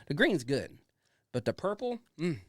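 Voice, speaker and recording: Animated male podcast host, casual. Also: on the high side, normal speed, no room sound, clean studio sound. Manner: informal, enthusiastic, sweary. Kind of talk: casual chatty show introduction.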